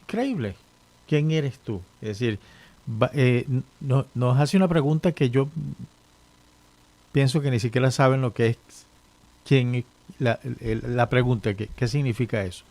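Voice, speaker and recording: A man co-hosting an interview, posing a question with halting restarts. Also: mid-range voice, a little mellow.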